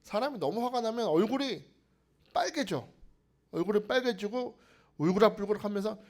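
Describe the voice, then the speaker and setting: A man's voice: high-pitched, expressive, normal speed. A man preaching a sermon to a congregation, asking them rhetorical questions and dropping to a whisper for emphasis.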